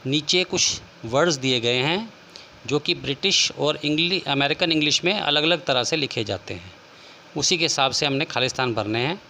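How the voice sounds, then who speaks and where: A male teacher with a bright, forceful voice explains an English lesson to students. He slows down to spell words out letter by letter. His voice sits a little high, with faint background noise. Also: lively intonation.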